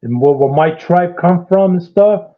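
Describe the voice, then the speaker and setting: A man's voice: sits high, a little slow. A man from Iraq calling in to a livestream debate, talking hesitantly with restarts. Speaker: caller. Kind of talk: casual call-in debate. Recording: tinny phone-like call line.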